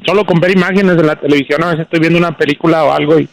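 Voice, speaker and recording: A man calling in to a radio show, speaking haltingly and searching for his words. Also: on the high side, fairly even intonation, creaky, a crowd in the background, poor audio. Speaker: caller. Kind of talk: hesitant phone-in talk about his anxiety.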